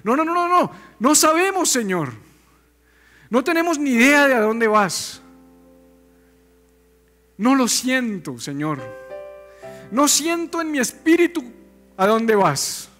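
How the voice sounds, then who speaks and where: A man's voice: very high voice, big pitch swings, slow, long pauses, a bit bright, faint music behind, exaggerated voice. A man voicing an anxious, emotional disciple who protests in a whiny, pleading way. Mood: fretful protest. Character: anxious, doubting male disciple, fretful and emotional.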